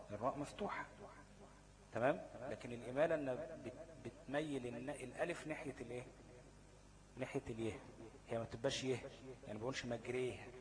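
A man's voice: medium pitch, fast talker, long pauses, poor audio. A man with an Egyptian Arabic accent teaching recitation rules, who often checks understanding and turns key words into questions for his students. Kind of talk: tajweed lesson explanation.

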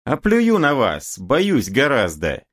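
Man doing a peasant woman, shrill, shouting, abusive, storybook reading, very high. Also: animated, measured pace. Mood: scolding.

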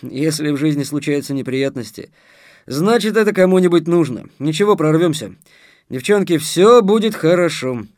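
A man's voice: fairly high pitch, expressive, normal speed, a little mellow, dry recording, studio quality, pitched above the performer's own voice, close to an everyday voice. A male reader voicing a determined young man who talks in a wry, reassuring way.

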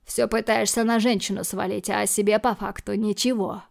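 A woman voicing a cold, menacing male hero who threatens calmly in low, clipped lines, for an audiobook. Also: fairly quick, gravelly, lightly acted. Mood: threatening.

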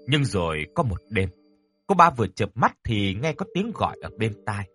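A man narrating a ghost story in a scripted, expressive and dramatic storytelling style. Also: fairly low pitch, normal speed, faint music behind.

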